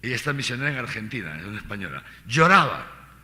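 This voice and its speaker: A middle-aged man preaches a catechesis as archbishop, firing off rhetorical questions and repeating his points. His voice is very forceful and sharp. A long reverb trails after him through a large church hall. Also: lowish voice, lively intonation, racing. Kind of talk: catechesis talk to a congregation.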